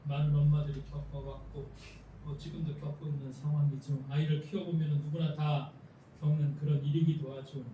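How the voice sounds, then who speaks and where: A man, a pastor, giving a Sunday sermon in a calm, measured way and softly reading a passage aloud. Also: on the high side, narrow, tinny audio, slight background noise. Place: church sanctuary. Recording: echoey hall, mic from a distance, faint ambience.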